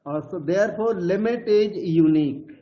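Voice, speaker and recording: A man with a high voice lectures on maths at an unhurried pace, going over each step patiently and repeating the key terms. The recording is dull and lo-fi. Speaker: maths teacher.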